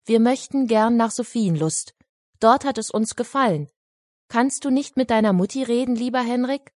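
A woman voicing an excited young boy in a storybook reading, lively and eager. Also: moderate pace, no room sound, studio quality, close to an everyday voice. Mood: earnest. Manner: eager, high and loud.

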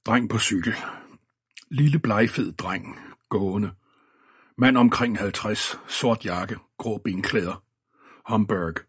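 Male reader as an injured detective, clipped, composed, husky low voice, audiobook. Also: darkish tone, no echo, clean studio sound. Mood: terse. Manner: short clipped phrases.

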